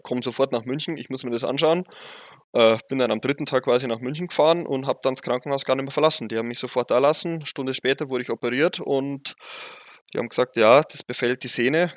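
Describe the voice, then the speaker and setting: A man's voice: mid-range voice, dry recording, clean studio sound. A young man with a Bavarian accent, a bobsledder telling stories as a guest in a casual interview, laughing often. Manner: lively storytelling, laughs often.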